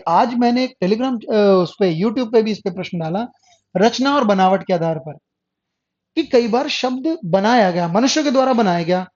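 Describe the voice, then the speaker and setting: A man's voice: high-pitched, a little mellow. A male Hindi grammar teacher giving an online class lecture, who asks his students questions and answers them himself and repeats the key terms. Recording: dull lo-fi recording.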